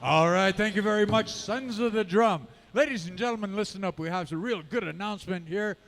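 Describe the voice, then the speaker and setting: A man's voice: sits high, fairly quick, in a large hall, very noisy. A man working as a powwow emcee, announcing live and calling out to dancers and crowd in short rallying phrases. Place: live powwow, over a sound system. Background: powwow music.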